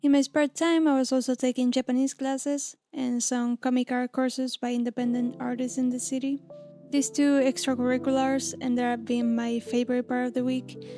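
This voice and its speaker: A woman in her thirties from Argentina, an illustrator narrating her own story in a gentle, reflective scripted voice-over. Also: high voice, little pitch movement, moderate pace. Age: 30s. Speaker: illustrator and channel host. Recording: lo-fi music bed under voice.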